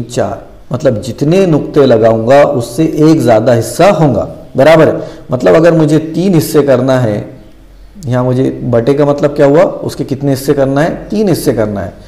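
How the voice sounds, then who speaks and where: A man's voice: medium pitch, warm tone. A man teaching a math lesson, patiently repeating each step and answering his own questions.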